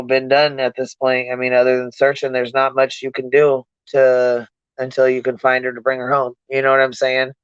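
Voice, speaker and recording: Speaking to viewers in a monotone, this livestream commentator is profane, slangy and blunt, circling back to drive points home. The voice is clean, smooth and medium-pitched, and the recording is dry and a bit dull with no room sound.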